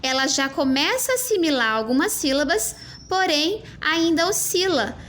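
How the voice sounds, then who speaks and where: A woman teacher explaining a classroom writing assessment, slowly sounding out words as she goes. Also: high-pitched, very animated, fairly bright tone, slight background noise.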